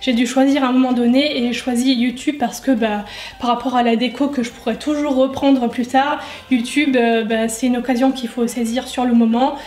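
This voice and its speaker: A young woman with a high, bright-toned voice chats casually through viewer questions while cooking in her home kitchen. She is self-mocking and loose, full of fillers. The sound bounces around the room, picked up by a camera mic a little way off. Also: steady tone, normal speed, echoey room. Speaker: lifestyle YouTuber.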